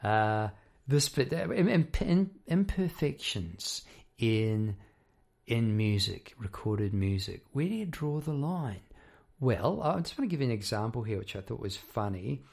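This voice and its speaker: A man hosts a casual, reflective monologue as a working musician. His voice is croaky and gravelly, with plenty of fry. He speaks in a halting, rambling way, doubling back on his words as he thinks aloud. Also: mid-range voice, very animated, darkish tone. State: croaky voice after poor sleep. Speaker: songwriter and musician hosting a half-hour talk.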